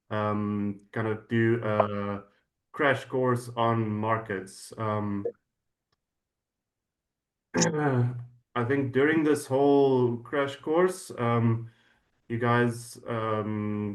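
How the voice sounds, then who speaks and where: A man with a medium-pitched voice hosts an informal session. He presents the guest speaker to those taking part. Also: poor audio. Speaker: host introducing a guest speaker. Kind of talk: introduction, partly read, then halting informal welcome.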